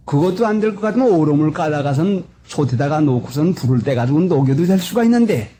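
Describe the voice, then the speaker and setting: A man's voice: on the high side, mellow, slight background noise. An older male pastor gives a revival sermon, asking the congregation rhetorical questions and acting out quotes, recorded in a church on an old tape. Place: church sanctuary.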